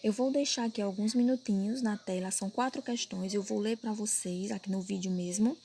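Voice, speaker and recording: A woman's voice: medium pitch, steady tone, fairly quick, dark tone, slight background noise. A woman with a Brazilian Portuguese accent teaching a recorded grammar lesson, patiently repeating points and checking that her pupils follow. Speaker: primary school teacher.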